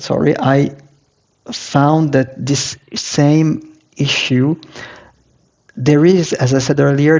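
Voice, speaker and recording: A man from Morocco talks through his career as a podcast guest, pausing often with fillers as he thinks. His voice sits at a middle pitch, and the recording sounds slightly dull and lo-fi. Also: creaky, darkish tone. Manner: hesitant, many filler pauses. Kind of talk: casual interview talk.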